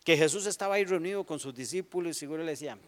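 Animated preacher in a reverberant hall. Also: male voice, on the high side, racing. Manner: animated, rhetorical questions, dramatic tempo swings. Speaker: pastor. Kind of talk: sermon.

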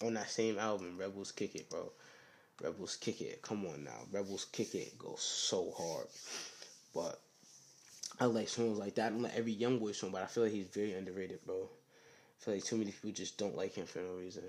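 A young man hosts his own podcast alone, chatting loosely and circling back on himself. His voice sits on the low side and he keeps it subdued, peppering his talk with slang and filler phrases. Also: vocal fry, a little hiss or hum. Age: young adult. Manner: rambling, slangy, often says "you know what I'm saying". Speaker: podcast host. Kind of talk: casual solo podcast chat.

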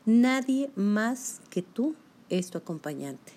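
A woman's voice: fairly high pitch, very animated, slow pace, dark tone. A woman giving a motivational self-help talk, speaking directly to the listener in a coaching manner.

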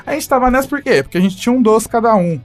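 A man's voice: very high-pitched, expressive, fast talker, soft background music. A Brazilian man telling a story in a casual chat among friends, acting out the voices and laughing often. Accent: Brazilian Portuguese. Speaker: podcast guest telling a story.

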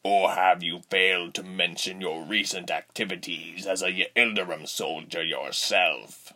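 A man playing a smug slow-talking villain commander. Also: low voice, fairly even intonation, bright, forceful tone, exaggerated voice. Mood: menacing. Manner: slow, smirking, menacing.

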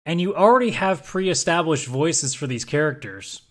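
A man's voice: fairly high pitch, animated, normal speed. A man co-hosting a podcast in casual chat, talking in a blunt, opinionated and emphatic way. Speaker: podcast co-host.

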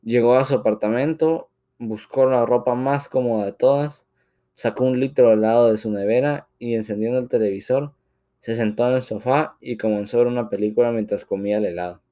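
A man's voice: medium pitch, steady tone, brisk, warm tone. A man narrating a dramatic story as an emotive reading.

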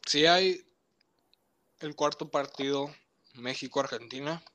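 A man's voice: fairly high pitch, slow, sharp tone. A young man with a Mexican accent, a podcast co-host in stubborn, teasing casual sports banter.

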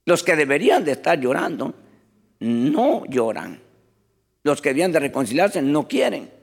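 A man delivering a sermon as pastor, his voice pitched a little high and swinging widely as he preaches. He talks in an animated way and keeps addressing the congregation as brothers. The sound carries a long reverb from a hall. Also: moderate pace, vocal fry, breathy edge. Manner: animated preaching, often calling the congregation "hermano".

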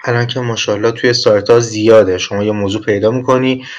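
A man teaching an exam-prep lesson in a relaxed, conversational way, pausing with fillers and correcting himself mid-sentence. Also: fairly low pitch, dull audio. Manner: casual, with frequent filler "uh" and self-corrections. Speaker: IELTS teacher. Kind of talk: explanatory lesson.

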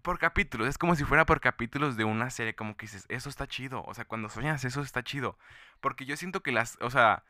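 A man's voice: medium pitch, fast talker, pushed and bright, no room sound, studio quality. A young man with a Mexican Spanish accent, talking casually in a rambling monologue full of fillers and restarts. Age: young adult.

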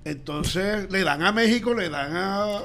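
A Colombian man with a Caribbean coast accent talks through football broadcasts in a loose, rambling way. His voice sits high for a man, and laughter keeps breaking into his sentences. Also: measured pace. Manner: animated, rambling, laughs often. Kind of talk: casual sports chat.

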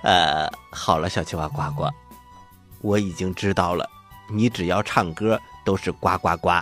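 A man's voice: deep voice, fairly even intonation, moderate pace, fairly bright tone, soft background music. A man hosting and narrating a scripted children's story in a theatrical, encouraging, avuncular way. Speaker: storytelling host.

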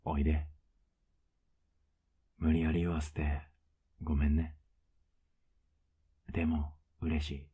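Whispered role-play, male voice actor as a doting older boyfriend: husky, very low, flat and coaxing. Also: slow pace, long pauses, dull audio, full character voice. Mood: teasing tender. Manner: teasing, soft-spoken, coaxing.

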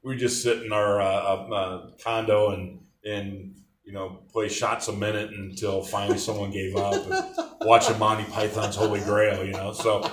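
Middle-aged man, low voice, rambling storyteller, recorded in a roomy space. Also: level tone, normal speed, distant mic. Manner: rambling, warm storyteller with many restarts. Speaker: interviewee, former athletic trainer. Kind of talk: casual reminiscing. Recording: roomy echo.

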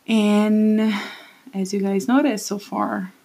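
Standing at her home microphone, this podcast host in her late twenties talks alone in a loose, self-conscious ramble. She is from Brazil and has a Brazilian Portuguese accent. Her medium-pitched voice is warm and creaky, level in tone and slow.

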